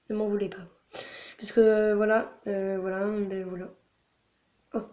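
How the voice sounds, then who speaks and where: A woman with a hoarse voice chatting casually while playing a game, rambling with lots of filler words. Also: medium pitch, level tone, slow pace, dull audio. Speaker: channel host. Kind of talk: casual gaming vlog chatter.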